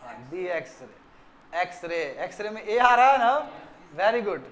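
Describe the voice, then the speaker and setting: A man's voice: high-pitched, lively intonation, normal speed, crowd noise. A man with an Indian English accent teaching a grammar lesson in a classroom, quizzing students and repeating their answers.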